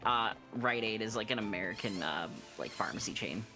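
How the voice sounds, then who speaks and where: A man's voice: on the low side, a little fast, music in the background. A man streaming a game and chatting casually, telling stories with lots of fillers and restarts. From Canada.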